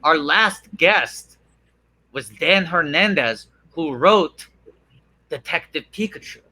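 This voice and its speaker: A man's voice: on the high side, lively intonation, slow pace, bright, forceful tone, rough recording. A man hosting a livestream and leading improvised comedy banter. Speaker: host.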